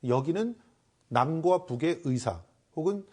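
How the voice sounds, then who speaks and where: A man commenting on politics on a panel, speaking deliberately and analytically, stretching words around fillers. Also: fairly high pitch, animated, a little mellow.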